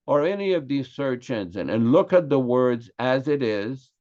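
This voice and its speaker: An older Québécois man, a native French speaker with a Quebec accent, teaches an earnest, emphatic class on scripture, slowing down to stress key words. His mid-range voice is very animated with a darkish tone, captured in slightly dull lo-fi audio.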